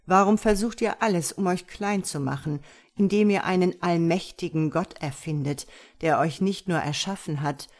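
A woman's voice: lowish voice, moderate pace, darkish tone, close to an everyday voice. A woman voicing a mocking male stone angel who lectures with sardonic rhetorical questions, in an audiobook reading. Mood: scornful.

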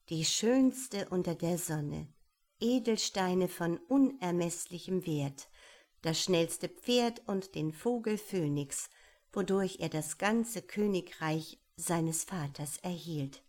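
A woman reading a fairy tale aloud in a calm, measured way. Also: lowish voice.

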